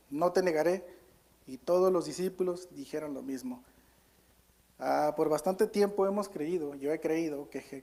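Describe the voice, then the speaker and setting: Earnest pastor with a high voice. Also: male voice, mellow. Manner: earnest, halting delivery with self-corrections; reads scripture aloud with stress on key words. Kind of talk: Spanish-language sermon with Bible reading.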